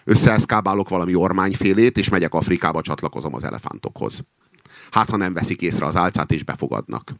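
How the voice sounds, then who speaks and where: Deep, gravelly man reading dry satire. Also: no echo. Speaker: reader and commentator. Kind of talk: reading satirical fiction aloud with commentary.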